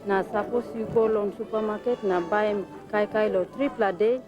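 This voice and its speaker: A woman's voice: medium pitch, steady tone, moderate pace, lo-fi sound, over music, lightly acted. A woman playing an earnest advice-giver, speaking Papua New Guinea pidgin with a Papua New Guinean accent in instructional dialogue. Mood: earnest advising. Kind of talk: acted instructional Tok Pisin dialogue.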